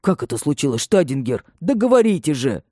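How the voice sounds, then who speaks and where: Мужчина-чтец озвучивает вспыльчивого пожилого лесничего, который говорит возбуждённо и с восклицаниями. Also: male voice, fairly high pitch, sing-song, a little fast, warm tone, no room sound, clean studio sound, pitched above the performer's own voice. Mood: agitated. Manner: agitated, exclamatory. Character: excitable older male forester, family man.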